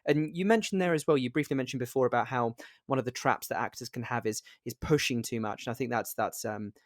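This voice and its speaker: Man, earnest and chatty, self-deprecating, mid pitch, dry sound, video call. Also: quick pace, no room sound. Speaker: actor and podcast guest. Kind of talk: casual conversation about acting.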